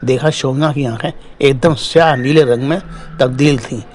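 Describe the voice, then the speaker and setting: A man's voice: medium pitch, fairly even intonation, normal speed, a little mellow, slight background noise. Man narrating a horror story. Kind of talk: scripted first-person narration.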